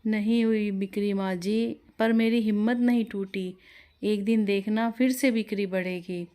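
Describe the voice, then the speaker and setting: A woman's voice: medium pitch, fairly even intonation, unhurried, dark tone, natural voice. A woman voicing a struggling but determined young chaat seller in a storybook tale, speaking earnestly. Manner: earnest, pleading.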